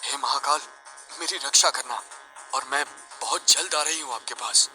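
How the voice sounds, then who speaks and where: A man's voice: medium pitch, sharp tone, faint music behind. A man voicing a bold, cheeky young woman of twenty-one in a Hindi audio story, sassy and dramatic. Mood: frightened. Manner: sassy, quick-witted, dramatic.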